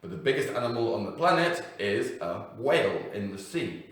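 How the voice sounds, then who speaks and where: A man's voice: lowish voice, big pitch swings, moderate pace, fairly bright tone. A man explaining English grammar to learners, talking off the cuff and stressing each example word. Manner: unscripted, with fillers and self-corrections, emphatic on example words. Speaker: English teacher. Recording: echoey room, mic at a distance.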